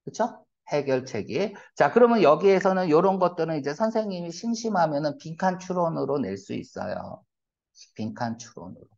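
A male English teacher giving a classroom lecture, his pitch jumping up and down as he explains. He keeps asking rhetorical questions and throws in blunt, slangy asides. The recording sounds dull and lo-fi. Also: sing-song, normal speed, gravelly, darkish tone. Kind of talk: classroom lecture on reading comprehension.

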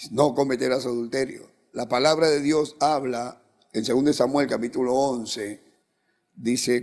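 A man's voice: medium pitch, a little mellow. A man with an Ecuadorian Spanish accent, a pastor leading a church testimony interview in a preacherly way, quoting scripture and guiding his guest.

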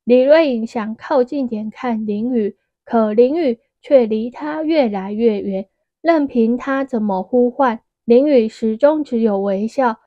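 A woman narrating a fantasy novel as an audiobook in a steady, even storytelling manner. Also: on the high side, unhurried, no room sound, muffled recording.

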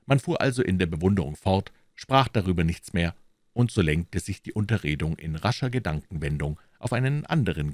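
A man reading a classic novel aloud as a narrator, calm and measured. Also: sits low, dry recording, studio quality. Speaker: audiobook narrator.

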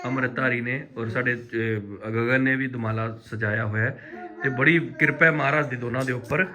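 A man hosts a family vlog in an earnest, conversational voice of middling pitch. He talks casually, asks questions and often repeats a phrase to press it home. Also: fairly even intonation, normal speed, a crowd in the background. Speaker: vlog host.

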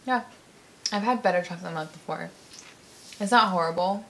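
A woman's voice: fairly low pitch, normal speed, a bit bright, slight background noise, rough recording. A young American woman hosting a casual candy taste-test vlog, chatting with many "like" fillers and easy laughs. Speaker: vlogger.

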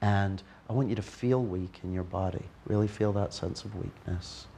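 This NLP trainer speaks at a moderate pace in a fairly low voice with vocal fry, over slight background noise. He leads a live workshop demonstration in a training room before an audience, coaxing a volunteer playfully and keeping the group animated.

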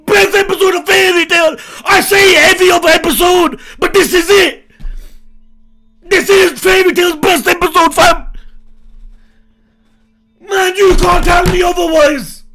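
Male streamer reacting live, very high and bright with a gravelly edge, shouts in excitement. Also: measured pace, pauses often, faint music behind. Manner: excitable, shouts often, slangy.

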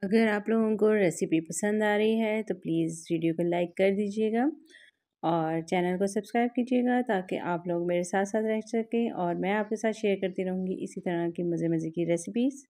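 A woman's voice: mid-range voice, moderate pace, dark tone. A woman, patiently explaining a recipe step by step as she works at a home kitchen counter. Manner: patient, explains each step while working with her hands. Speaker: cooking vlog host. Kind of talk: step-by-step cooking instruction.

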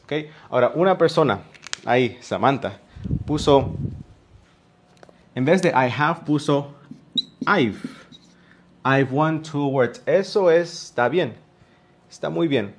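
A man's voice: on the high side, lively intonation, slow pace, long pauses, slight background noise. A male English teacher with a Mexican Spanish accent, patiently explaining grammar in a live online class and drawing out his examples.

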